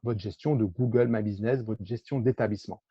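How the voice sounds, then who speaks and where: A man's voice: lowish voice, brisk, husky, dry recording, muffled recording. A man presenting an online workshop while sharing his screen, explaining steps in a hesitant way with many fillers. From France.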